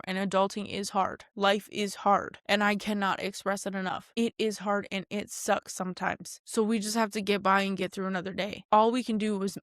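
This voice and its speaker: A woman in her late twenties hosting a podcast alone, in a chatty, animated manner full of asides. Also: no room sound, studio quality. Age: 20s. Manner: chatty, animated, frequent asides and jumps in pitch. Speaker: podcast host. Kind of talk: casual solo podcast monologue.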